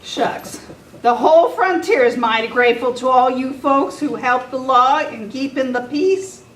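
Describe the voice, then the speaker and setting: A woman's voice: high-pitched, measured pace. A woman playing a folksy, grateful frontier sheriff in an old-time radio western. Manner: folksy, plainspoken western talk. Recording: echoey meeting room, distant mic, faint noise.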